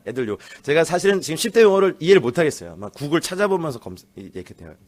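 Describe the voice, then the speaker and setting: A man preaching a lively, humorous sermon as a guest pastor in a church, acting out people's lines as he tells stories. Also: on the high side, brisk. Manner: animated, laughing storyteller, acts out teen voices. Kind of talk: lively sermon with acted quotes. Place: church sanctuary.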